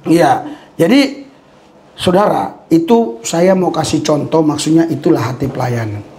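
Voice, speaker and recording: High-voiced pastor preaching in an echoing hall. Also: male voice, unhurried. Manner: animated, laughing, frequent hallelujahs. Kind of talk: sermon with personal stories. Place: church service with congregation.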